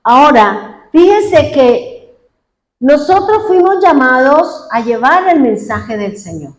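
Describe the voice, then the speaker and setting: A woman's voice: high voice, darkish tone. A woman pastor preaching a fervent sermon, retelling what congregants said and praying aloud as she goes. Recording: echoey room.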